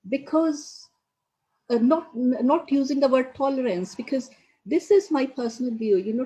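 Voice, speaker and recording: A woman's voice: high-pitched, dark tone, poor audio. A woman raised in India, leading a community project, giving an earnest speech at a launch event and leaning on "you know" fillers.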